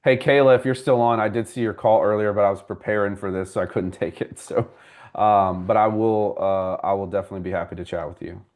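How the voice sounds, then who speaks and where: A man with a fairly low voice leads a live class on buying a home. He works through audience questions one by one in a relaxed, conversational way, calling people by name as he explains. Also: fast talker. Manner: conversational, explains step by step and addresses viewers by name. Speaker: mortgage broker and class host.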